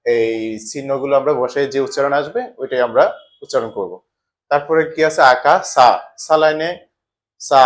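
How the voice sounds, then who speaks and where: Man teaching, quizzing himself. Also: mid-range voice. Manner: asks questions and answers them himself, repeats patterns. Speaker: Japanese language teacher. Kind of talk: explaining a lesson step by step.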